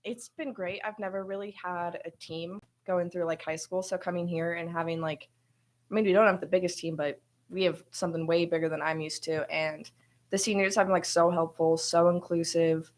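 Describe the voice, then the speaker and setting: Young woman, freshman athlete, slightly low voice, chatty and enthusiastic. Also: steady tone, normal speed. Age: young adult. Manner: chatty, frequent "like" fillers, enthusiastic. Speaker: first-year college athlete. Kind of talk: media interview answers.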